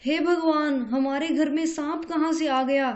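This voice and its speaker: A woman's voice: sits high, fairly even intonation, measured pace, a little mellow, roomy sound, dull audio. A woman voicing a caring, bustling village mother. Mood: concerned. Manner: bustling, concerned.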